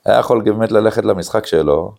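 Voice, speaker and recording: A man with a deep voice and a gravelly edge teaches a Talmud class as a rabbi. He speaks in an animated way, acts out the people he quotes and often pauses on filler sounds. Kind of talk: Talmud study lecture.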